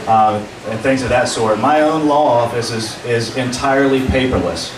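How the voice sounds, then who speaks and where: A man in his forties speaking as a judicial candidate at a public forum, measured and earnest, with fillers when answering questions. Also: medium pitch. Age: 40s. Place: meeting room at a public forum. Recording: roomy, distant, noisy room recording.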